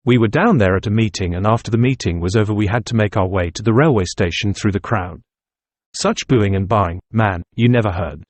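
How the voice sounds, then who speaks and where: Brief: wry middle-aged rebel raconteur, read by a man, lowish voice, dry booth. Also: fairly quick, no room sound, close to an everyday voice. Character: stubborn middle-aged Irish nationalist man telling a tale.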